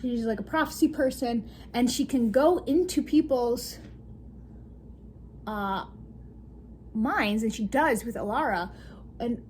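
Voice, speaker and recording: A woman's voice: fairly high pitch, slow pace, long pauses, a little hiss or hum. A young woman recapping a book in a casual, giggly, rambling way, breaking into laughter as she talks. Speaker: book vlogger.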